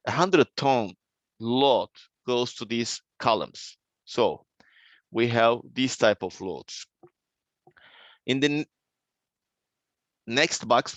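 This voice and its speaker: A man with a Turkish accent lecturing to students in a halting way, repeating key terms as he explains. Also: medium pitch, fairly bright tone, dry recording. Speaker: civil engineering lecturer.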